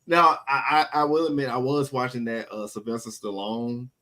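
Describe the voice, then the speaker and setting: A man's voice: mid-range voice, fairly even intonation, normal speed, a loud crowd, rough recording. A man co-hosting a casual wrestling review show, often restarting and repeating words as he talks. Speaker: podcast co-host.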